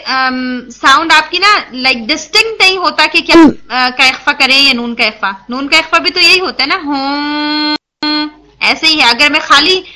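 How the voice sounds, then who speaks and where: Woman, recitation teacher, high pitched, patient explaining, asks rhetorical questions. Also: bright, forceful tone. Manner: patient, explanatory, mixes English words into Urdu; checks in with listeners, asks and answers her own questions. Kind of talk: tajweed lesson, explaining and demonstrating.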